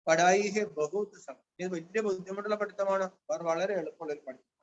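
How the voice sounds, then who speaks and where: A man's voice: high-pitched, fairly quick. A man giving a devotional spiritual discourse. He reads a line, then explains it in plain words. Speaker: Brahma Kumaris spiritual teacher. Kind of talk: devotional discourse reading Hindi lines and explaining in Malayalam. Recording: dull, lo-fi with faint hiss.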